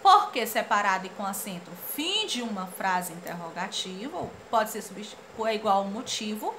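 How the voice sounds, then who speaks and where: A Brazilian woman teaching a children's grammar lesson, animated and playful as she reads out comic strip lines. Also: mid-range voice, moderate pace, noisy background. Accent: Brazilian Portuguese. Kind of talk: lively classroom lesson for children.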